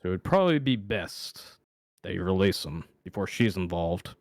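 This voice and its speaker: A man's voice: deep voice, animated, moderate pace, no echo, clean studio sound. A man voicing a smug, well-connected halfling nobleman who speaks in a nonchalant, lordly drawl.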